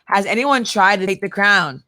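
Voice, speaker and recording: Female co-host, Queens accent, bright and punchy, effusive casual street talk, close dry recording. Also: mid-range voice, lively intonation, moderate pace, no echo. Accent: Queens, New York. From Queens, New York. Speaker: interview co-host. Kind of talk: casual, slangy interview chat.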